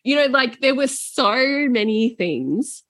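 A middle-aged woman, telling holiday stories in a casual chat and slipping into animated voices for the people in them. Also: sits high, slow pace, no echo, clean studio sound. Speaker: podcast guest. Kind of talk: casual storytelling.

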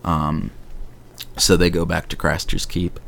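Deep-voiced man rambling casually. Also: unhurried, gravelly. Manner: rambling, animated, swears casually. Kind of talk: casual fan discussion.

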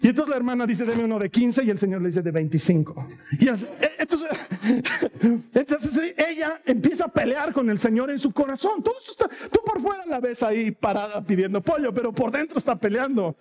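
A man preaching a sermon, telling stories and acting out the dialogue in an animated way. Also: very high voice, a little fast, a little hiss or hum. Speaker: pastor. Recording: long hall reverb.

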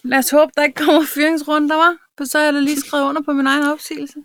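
A woman's voice: high-pitched, flat delivery. A woman chatting casually and frankly as a co-host, telling stories and laughing often. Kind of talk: casual chat.

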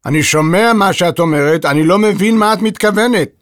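A man voicing a grumpy, hard-of-hearing old composer who shouts irritably in a children's audio story. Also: medium pitch, steady tone, husky. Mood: grumbling.

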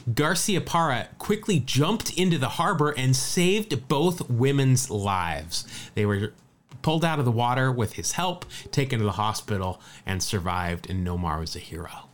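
A man's voice: medium pitch, moderate pace. A man co-hosting a casual sports podcast, reeling off statistics with a light, chatty manner. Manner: lively, rattles off stats. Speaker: podcast co-host.

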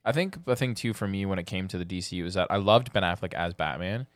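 Male podcast co-host, deep-ish voice, laid-back rambling delivery, dry recording. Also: animated, no room sound. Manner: laid-back, drawn-out, lots of "like" fillers. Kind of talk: casual chat.

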